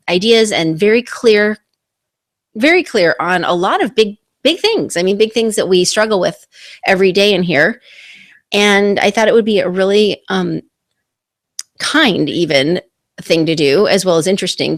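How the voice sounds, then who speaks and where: A woman hosting a live online talk stream, chatting casually and rambling with restarts on a computer mic. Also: mid-range voice.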